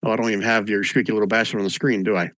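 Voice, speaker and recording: A man's voice: fairly low pitch, fairly even intonation, racing, fairly bright tone, no echo. A man acting as game master, casually narrating and running a tabletop game.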